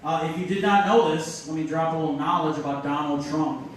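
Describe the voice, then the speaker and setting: A man with a high voice performs a stand-up set, riffing in a loose, self-mocking way. He sounds like he's some distance from the mic. The room is very echoey, with a faint hiss behind him. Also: flat delivery, brisk. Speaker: stand-up comedian. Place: comedy club stage.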